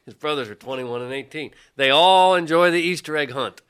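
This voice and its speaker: A man's voice: fairly high pitch, a little fast, fairly bright tone, clear, resonant tone. A middle-aged man from St. Louis, a radio co-host telling stories in a ranting, exasperated way. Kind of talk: sports radio banter.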